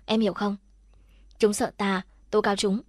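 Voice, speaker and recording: A woman's voice: medium pitch, little pitch movement, normal speed, no room sound, lightly acted. Woman reading as a scared young woman captive, pleading and urgent, dry sound. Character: frightened but brave young woman captive.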